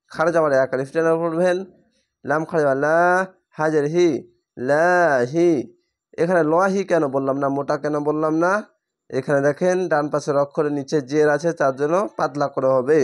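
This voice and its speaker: A man teaching Quran reading, patiently spelling out each word letter by letter and slowly stretching the recited syllables. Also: fairly high pitch. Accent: Bangladeshi Bengali. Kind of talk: step-by-step spelling lesson.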